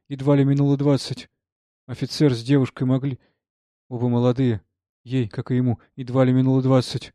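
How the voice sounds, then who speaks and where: A man narrates a literary audiobook at a measured, expressive pace, with a voice of middling pitch. The sound is close and dry, with no room around it. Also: no room sound.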